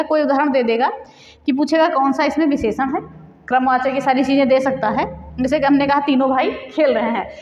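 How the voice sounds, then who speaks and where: High-voiced woman teaching grammar, echoey. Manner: repeats examples and asks then answers her own questions; mixes English words into Hindi. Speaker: Hindi teacher. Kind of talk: exam-prep grammar lesson. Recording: echoey, dull recording in a reverberant room.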